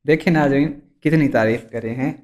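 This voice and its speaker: A man voicing a boastful, bumbling male lawyer who talks in slow, stumbling English phrases in a comedy sketch. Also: mid-range voice, a little mellow, voice pushed down, close to an everyday voice. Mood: cheeky.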